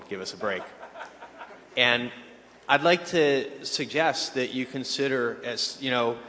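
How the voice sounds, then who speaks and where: A man in an audience speaking at a microphone, friendly and measured. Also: medium pitch, pushed and bright. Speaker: audience member asking a question. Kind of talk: live Q&A question. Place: large hall at a convention. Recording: large hall with faint noise.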